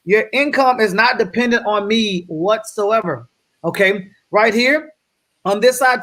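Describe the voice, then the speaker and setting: A man giving an energetic slide presentation as a guest speaker on a video call, often checking in with his audience. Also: high-pitched. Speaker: guest speaker on wealth building.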